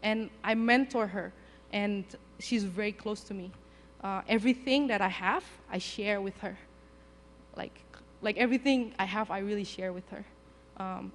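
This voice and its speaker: A woman telling a personal testimony at a church service, animated, acting out her own past thoughts as she tells the story. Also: medium pitch, in a large hall. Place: church hall.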